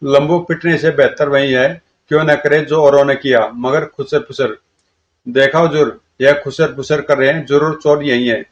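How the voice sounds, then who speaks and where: A man's voice: medium pitch, moderate pace, few pauses. Man reading a comic aloud. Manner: lively, shifts between characters' lines. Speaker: comic story reader. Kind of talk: reading a comic aloud, voicing all characters. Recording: dull lo-fi recording.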